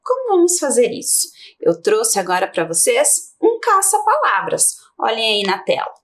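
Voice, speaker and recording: A middle-aged Brazilian woman teaching young children in a TV lesson, stretching key words slowly and clearly. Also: fairly high pitch, huge pitch swings, a bit bright. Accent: Brazilian Portuguese.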